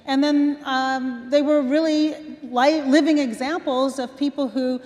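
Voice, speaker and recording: A woman in her sixties speaks as a guest at a luncheon event, telling personal stories and laughing lightly between points. Her voice sits high, and it carries a long reverb from a large hall. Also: steady tone, a little slow, a little mellow. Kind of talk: onstage conversation.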